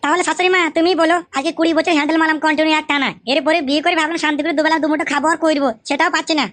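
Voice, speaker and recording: Hot-headed young son-in-law played by a woman, bright, fast-talking and grumbling. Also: sits high, fairly even intonation, no echo. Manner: grumbling, rapid, swearing. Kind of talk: comic village skit.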